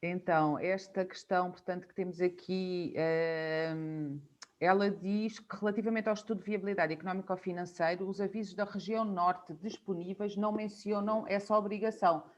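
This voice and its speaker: A woman's voice: fairly low pitch, fairly even intonation, normal speed, muffled recording. A woman with a European Portuguese accent moderating a webinar, reading out audience questions with hesitant "eh" fillers. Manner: hesitant, fills with "eh". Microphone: video call.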